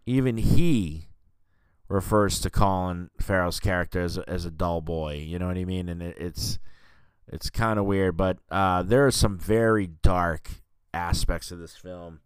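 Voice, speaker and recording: A man's voice: sits low, a little slow, smooth, dry recording. A man hosting a casual film review podcast, talking loosely with many fillers and restarts. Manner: rambling, lots of fillers and restarts, says dude and you know what I mean. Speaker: podcast host reviewing films.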